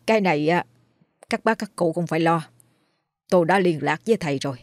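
A woman's voice: on the low side, fairly quick, no echo, clean studio sound, lightly acted. A woman narrator voicing an older village man who talks in a sure, reassuring way. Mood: assured. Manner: assured, reassuring. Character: old village man, confident and persuasive.

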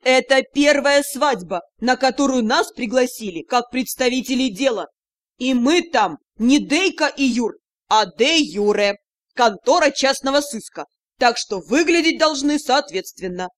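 A woman's voice: high voice, animated, unhurried. A woman playing a sly young elf man, hissing. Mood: insistent. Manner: hissing, insistent.

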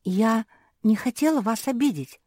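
A woman voicing a gentle, sweet-toothed pug seamstress who speaks softly and earnestly. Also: on the high side, expressive, moderate pace, dry recording, clean studio sound, voice pushed up. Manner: soft, apologetic and earnest.

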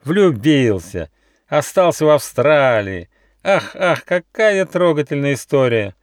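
A man's voice: fairly high pitch, lively intonation, normal speed, no echo, clean studio sound, pitched above the performer's own voice, lightly acted. A man voicing a cunning old grey male fox, a chief inquisitor who talks in a mock-sweet, theatrical, sneering way. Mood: sneering, stern. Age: older.

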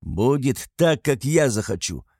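A man's voice: sits low, moderate pace, warm tone, dry recording, clean studio sound. A man doing a stern, domineering man. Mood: angry. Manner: stern, growling. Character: volatile, domineering man in a stormy relationship.

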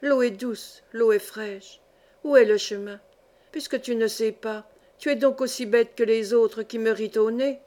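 A woman's voice: a little high, steady tone, mellow, close to an everyday voice. A woman voicing a grief-mad young widow. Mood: fierce. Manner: rapid, feverish, crying out curses. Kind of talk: audiobook reading.

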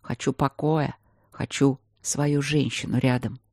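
A woman reading an audiobook, voicing a calm, teasing male mage who lectures patiently. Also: low voice, moderate pace, no room sound, studio quality. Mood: quiet teasing. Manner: patient, gently mocking, lecturing.

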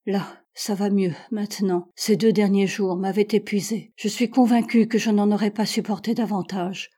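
A woman's voice: mid-range voice, steady tone, normal speed, mellow, slightly rough, lightly acted. A woman voicing an exhausted, contrite elderly male professor in a French audiobook reading, in a weary, pleading manner.

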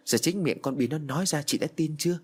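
A man's voice: fairly high pitch, fast talker, a little mellow, husky, pitched above the performer's own voice. A man voicing a blunt aunt who scolds her sister for not believing in ghosts, in a spoken ghost story. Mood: scolding. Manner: scolding, told-you-so.

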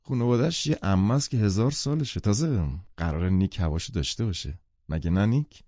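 A man's voice: lowish voice, animated, mellow, no echo, muffled recording. A man narrating an audiobook who voices a playful, insistent young woman, a wealthy socialite. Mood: teasing.

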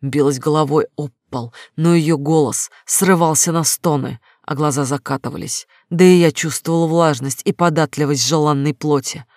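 A man's voice: on the high side, fairly even intonation, moderate pace, few pauses, darkish tone, no echo, clean studio sound. Man reading an intense audiobook. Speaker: audiobook narrator. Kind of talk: dramatic first-person novel narration.

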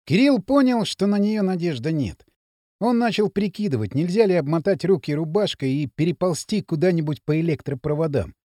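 Male audiobook narrator, high voice, very animated, dry close sound. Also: brisk, no echo. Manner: expressive, dramatic reading. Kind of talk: scripted narration.

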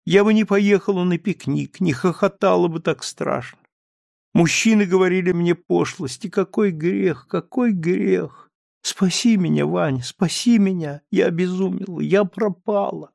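A man reading an audiobook, voicing a distraught young woman who sobs and pleads in a raised pitch. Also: a little slow, gravelly, darkish tone, dry recording, studio quality. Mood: sobbing, desperate. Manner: pleading, tearful. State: sobbing.

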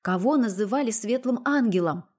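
Woman reading a young noble lady, high and teary but holding it together. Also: lively intonation, normal speed, darkish tone. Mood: tearful firm. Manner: tearful yet dignified. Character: young noblewoman, emotional, proud.

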